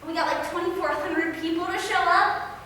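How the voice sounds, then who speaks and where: A woman biologist gives a casual, conversational slide lecture as an outreach talk, her voice extremely high, bright and forceful, with fairly even intonation at a moderate pace. She speaks through a mask in a large, very echoey hall, picked up by a distant mic with faint noise.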